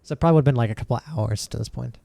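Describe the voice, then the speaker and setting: A man's voice: mid-range voice, very fast, creaky, warm tone, no echo. A man narrating as dungeon master, rambling with fillers and restarts. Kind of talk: narrating a tabletop game.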